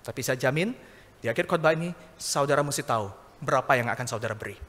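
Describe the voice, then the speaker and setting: Bright-voiced preacher in an echoey hall. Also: male voice, medium pitch, lively intonation, fast talker. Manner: conversational preaching, rising to emphatic peaks. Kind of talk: sermon. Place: church hall.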